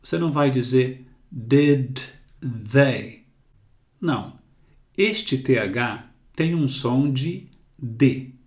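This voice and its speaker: A man teaching English pronunciation to Portuguese speakers, with a Brazilian Portuguese accent, slowly drilling and repeating words. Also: mid-range voice, expressive, darkish tone, roomy sound. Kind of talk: slow pronunciation lesson.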